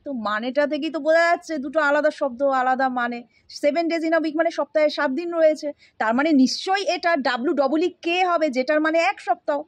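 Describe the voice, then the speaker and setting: A woman teaches in a relaxed, familiar way and keeps stopping to check that her learners follow. Her voice sits very high. The recording is close and dry, with no room sound. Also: fast talker, few pauses, no echo. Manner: familiar, addresses learners directly with frequent checks. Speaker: spoken English teacher. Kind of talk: casual explanatory lesson.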